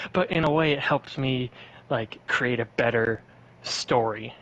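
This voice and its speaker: A man's voice: medium pitch, slow, fairly bright tone, dull audio. Guy rambling on easy as a podcast guest, mid voice, little bit of hiss behind. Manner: rambling, laid-back storytelling. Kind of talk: casual chat.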